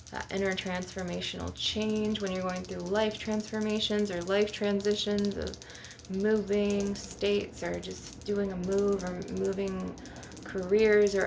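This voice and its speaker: A woman's voice: medium pitch, gravelly. A woman hosting an ASMR video, talking in a rambling, conversational way with asides between tapping. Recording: very noisy, with clicks and tapping. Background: tapping on glass and objects, clicking.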